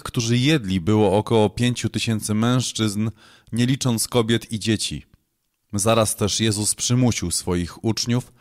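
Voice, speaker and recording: A man reading scripture aloud in a measured, solemn way. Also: lowish voice. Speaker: scripture reader.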